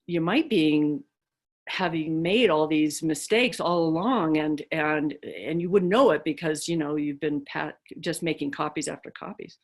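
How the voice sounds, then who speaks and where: A woman's voice: sits low, measured pace. A woman voicing an earnest, anxious young male monk as she tells a story, sounding worried and pleading.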